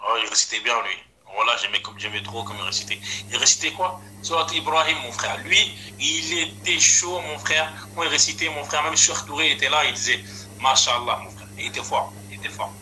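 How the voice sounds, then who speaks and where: A man's voice: fairly high pitch, a little fast, slight background noise, poor audio. A young man in casual chat, recalling old stories and often chiming in with agreement. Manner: relaxed, frequent agreeing interjections.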